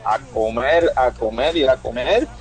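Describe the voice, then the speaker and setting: A man from Rico, a guest on a radio show, speaking haltingly with many restarts. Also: medium pitch, a crowd in the background, rough recording. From Puerto Rico. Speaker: guest musician.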